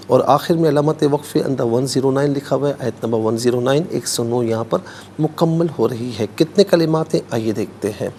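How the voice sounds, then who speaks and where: Man, Quran recitation teacher, TV studio lesson, gravelly voice, faint hiss behind. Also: medium pitch, darkish tone. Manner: explains word by word, then recites slowly in drawn-out chant.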